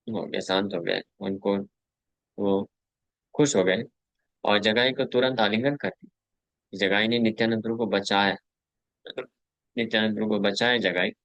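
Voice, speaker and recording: A man with a low voice leads a devotional scripture class. He tells the stories in a lively way, acts out the characters' words, and chuckles between points. The recording is dry, with no room sound. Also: no echo. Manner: animated storyteller who acts out quotes. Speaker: devotional teacher.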